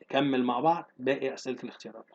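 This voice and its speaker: A man with an Egyptian Arabic accent teaching English exam questions. He reads the English slowly, explains quickly and asks rhetorical questions. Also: mid-range voice, a little hiss or hum. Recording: dull lo-fi recording.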